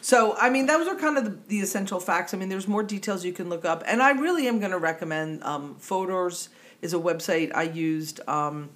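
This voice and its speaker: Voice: medium pitch, a little fast, a bit bright. A podcast co-host with a New Jersey accent in casual, digressive chat who laughs easily.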